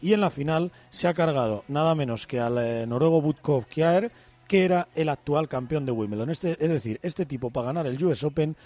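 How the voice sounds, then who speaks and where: A man's voice: on the high side, brisk, dark tone. A man giving an enthusiastic radio sports report, with emphatic asides.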